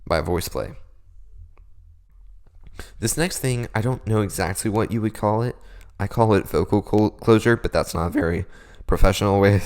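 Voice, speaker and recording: A man's voice: lowish voice, a little mellow. A young man hosting a casual beatboxing tutorial, explaining vocal techniques in a laid-back, self-deprecating way.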